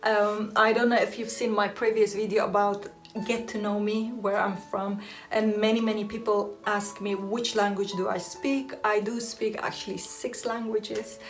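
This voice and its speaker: Chatting casually to the camera, a young Iraqi woman whose native language is Aramaic vlogs about hair and beauty, laughing a lot and frequently starting sentences over. Her voice is medium in pitch with a level tone and normal speed, and faint music plays in the background.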